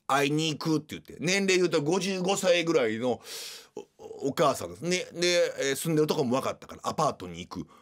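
A man's voice: on the high side, a bit bright. A man with a Kansai accent, hosting a radio show and animatedly retelling scenes in casual storytelling. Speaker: radio host.

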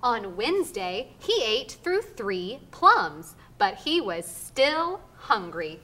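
A woman's voice: a little high, big pitch swings, takes it slowly, bright, forceful tone. A woman reading a children's picture book aloud expressively as a reader's theater performer. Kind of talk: expressive storybook read-aloud. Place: theater stage.

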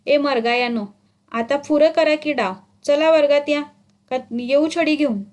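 A woman's voice: high-pitched, normal speed, close to an everyday voice. A woman voicing an irritable male village schoolteacher who barks orders and scolds his pupils in rural dialect. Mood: scolding.

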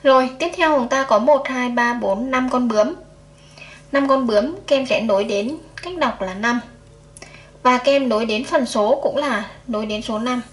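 Patient woman teaching first-grade counting. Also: on the high side. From Vietnam. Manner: slow, patient counting aloud to children. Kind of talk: first-grade math lesson.

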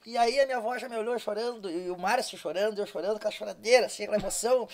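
Speaking rapid-fire in a high-pitched voice, a southern Brazilian man from Rio Grande do Sul chats casually on a podcast. He plays the accordion and spins animated, jokey tales, laughing often.

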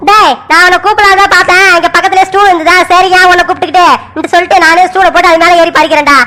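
A woman voicing a patient middle-aged mother who calms her son in a village family cartoon. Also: extremely high pitch, fast. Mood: soothing. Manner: patient, reassuring, repeats "sit, wait". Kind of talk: animated cartoon serial voice.

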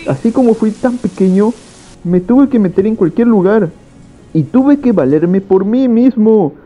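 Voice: mid-range voice, lively intonation, unhurried, mellow. A sad abandoned puppy, read by a reactor. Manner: reads the story's lines aloud in first person. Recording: dull lo-fi recording.

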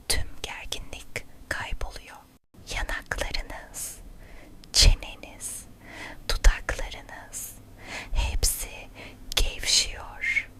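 Slow, whispering woman, quiet at night. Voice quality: breathy unvoiced whisper. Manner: quiet at night, soothing, slow and gentle, for sleep. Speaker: ASMR host guiding relaxation. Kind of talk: whispered ASMR guided relaxation.

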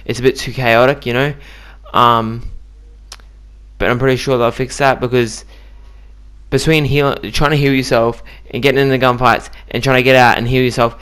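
A man's voice: mid-range voice, a bit bright, clean tone. A man giving casual, chatty commentary on a video game he just played, with lots of ums and likes. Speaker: gaming YouTuber.

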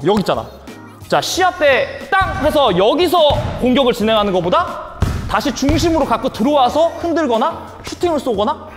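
High, lively male basketball coach in a gym. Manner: barks short cues and counts, coaxing and emphatic. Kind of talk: on-court coaching instruction. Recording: long gym reverb with faint music. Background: basketball bouncing, faint music.

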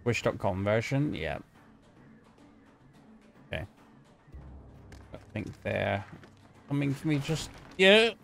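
Gravelly, unhurried male game streamer. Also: lowish voice, expressive, soft background music. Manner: chatty, jokey, talks to chat, yelps at scares. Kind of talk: gameplay commentary.

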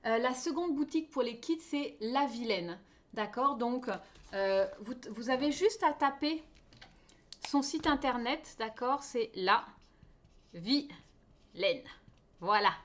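A woman's voice: sits high, animated, measured pace. Chatty woman teaching knitting. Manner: chatty, checks in often with her viewers. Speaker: knitting teacher hosting a knit-along. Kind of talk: live online knitting class.

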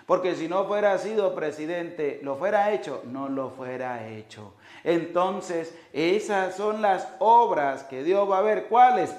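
A man in his thirties, a priest preaching a sermon at a chapel altar on a lapel mic, emphatic and fond of repeating rhetorical questions. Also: on the high side. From Venezuela. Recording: echoey chapel.

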